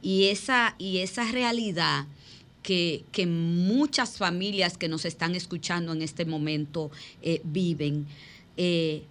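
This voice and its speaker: A woman hosts a radio discussion at a slow, deliberate pace. Her voice is bright, and she asks questions with thoughtful pauses. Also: lowish voice. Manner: measured, questioning, with thinking fillers. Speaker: radio show host. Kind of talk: radio talk show discussion.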